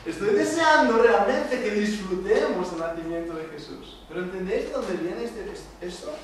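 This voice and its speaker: A middle-aged man from Spain with a high voice gives an emphatic Bible lesson, firing rhetorical questions at his listeners. He is picked up from a distance in a very echoey church hall. A faint hiss sits underneath. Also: lively intonation, moderate pace. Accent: Spain Spanish. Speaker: church youth teacher. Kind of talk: Bible study lecture to youth. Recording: echoey room, distant mic, faint noise.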